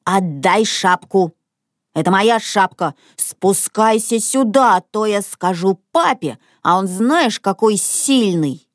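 Woman doing a grumpy little boy yelling at a squirrel, dry close sound. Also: medium pitch, lively intonation, takes it slowly, dry recording. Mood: indignant. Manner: indignant, threatening.

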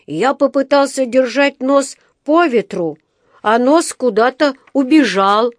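A woman's voice: sits high, takes it slowly, no room sound, studio quality, pitched above the performer's own voice. A woman reading a storybook aloud, voicing a small, polite and earnest young male bear in a raised, eager voice. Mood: worried.

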